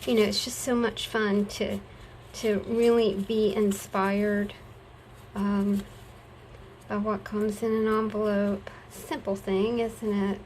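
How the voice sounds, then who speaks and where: A woman's voice: medium pitch, level tone, takes it slowly, a little mellow, slight background noise, poor audio. A woman chatting casually to her viewers while she crafts, folksy and affectionate, talking to herself as she works. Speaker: craft vlogger.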